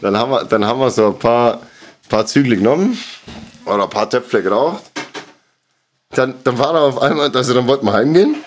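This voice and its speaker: A man's voice: medium pitch, fairly quick, pauses often. A man, co-hosting a casual podcast, telling a story and laughing often. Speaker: podcast co-host.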